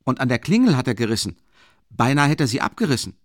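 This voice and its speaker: A man reading the part of a rough, suspicious workman who talks in a loud, blunt and alarmed way, in an audiobook. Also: mid-range voice, sing-song, fast, no echo, clean studio sound, voice pushed up.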